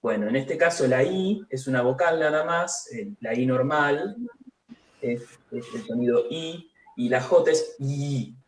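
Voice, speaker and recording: A man teaching a live online language class, explaining pronunciation slowly and patiently, syllable by syllable. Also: mid-range voice, reverberant, poor audio.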